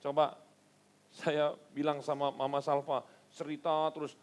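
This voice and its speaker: A male pastor preaching a sermon, animated and storytelling, with rhetorical questions to the congregation. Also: a little high, measured pace.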